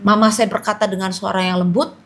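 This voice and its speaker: A woman's voice: mid-range voice, little pitch movement, quick pace, a bit bright, soft background music. A middle-aged woman giving an earnest personal testimony, telling her story and acting out what others said. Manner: earnest, storytelling, quotes others in acted voices. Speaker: guest sharing a personal testimony.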